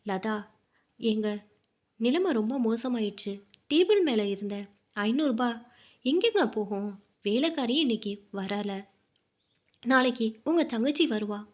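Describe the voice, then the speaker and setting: A woman voicing a scheming young daughter-in-law who scolds in a sharp, accusing way. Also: on the high side, lively intonation, measured pace, pauses often. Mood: scolding.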